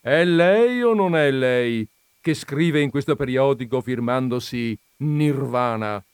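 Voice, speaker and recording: A man voicing a calm but stubborn male visitor, pressing his questions emphatically while reading a comic story. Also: mid-range voice, slow pace, clear, resonant tone, dry recording, studio quality, pitched above the performer's own voice. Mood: insistent.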